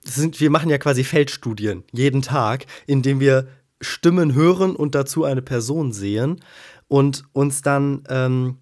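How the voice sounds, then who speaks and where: A man's voice: mid-range voice, measured pace, a little mellow. A man co-hosting a casual podcast, chatty and teasing, explaining his points at length. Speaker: podcast co-host.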